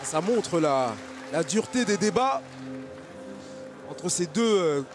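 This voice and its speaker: A man giving live fight analysis as co-commentator, in halting, piecemeal phrases. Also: high-pitched, animated, music in the background. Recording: loud crowd noise in arena. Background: noisy sports arena crowd.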